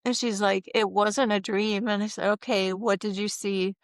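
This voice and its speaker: A middle-aged woman recounting a personal experience in a casual interview, animated and acting out what others said, with frequent laughs. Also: mid-range voice, moderate pace, dry recording, clean studio sound. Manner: animated, acts out quoted voices, laughs often. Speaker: interview guest.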